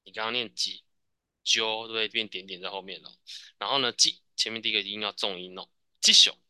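Bright-voiced Taiwanese man teaching Japanese. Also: on the low side, fairly even intonation, fast, clear, resonant tone, no room sound. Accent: Taiwanese Mandarin. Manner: patient, repeats answers, frequent "哦" tags. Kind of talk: classroom teaching with student drills.

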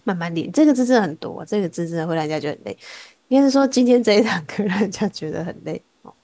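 A woman's voice: medium pitch, lively intonation, mellow, dry recording. Patient woman teacher modeling sounds. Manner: patient, encouraging, models sounds slowly and repeats them. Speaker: Korean language teacher. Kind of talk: online language lesson.

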